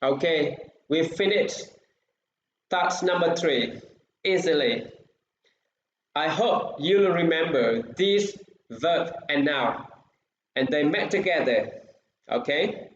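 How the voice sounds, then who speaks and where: Male English teacher, Vietnamese accent, slow classroom delivery, lo-fi echoey recording with faint noise. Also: on the high side, animated. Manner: slow in English, quick when explaining in Vietnamese. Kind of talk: bilingual classroom lesson. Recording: echoey, dull, faint hiss.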